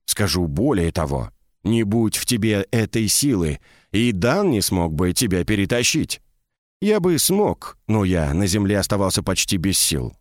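A man's voice: fairly low pitch, big pitch swings, measured pace, no room sound, clean studio sound. A man voicing an ancient mocking mage. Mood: explaining. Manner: mocking, teasing.

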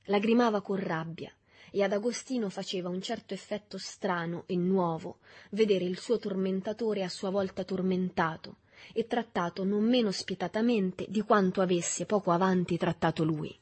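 Husky-voiced woman reading a novel. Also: mid-range voice. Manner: measured, even storytelling. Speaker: audiobook reader. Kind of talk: literary audiobook narration.

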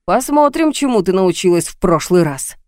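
Woman narrator doing a hoarse, sneering male villain for an audiobook, low and mellow. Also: sing-song, moderate pace, no echo, studio quality. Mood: taunting. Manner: taunting, menacing. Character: menacing man, hoarse and mocking.

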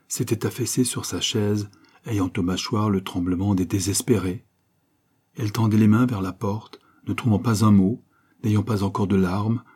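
A man reading a novel aloud in measured, dramatic scripted narration. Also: on the low side, dark tone, slightly rough. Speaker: audiobook narrator.

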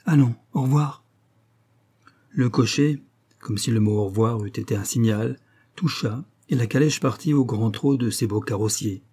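Man narrating in a dark, husky voice. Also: on the low side, moderate pace. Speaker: audiobook narrator. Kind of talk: scripted narration.

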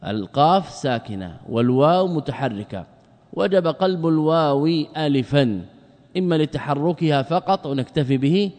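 A man's voice: fairly high pitch, expressive, darkish tone. Man lecturing in a reverberant hall. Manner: poses rhetorical questions and answers them himself; drawls words slowly for emphasis. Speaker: religious scholar teaching a class. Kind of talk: explanatory lecture.

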